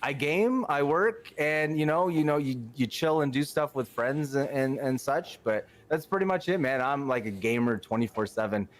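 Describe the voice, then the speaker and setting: A man's voice: mid-range voice, lively intonation, normal speed, hardly any pauses. A man, chatting as a podcast guest in an outgoing, rambling way. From Canada. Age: 30s. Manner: outgoing, rambling, lots of fillers. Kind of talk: casual chat.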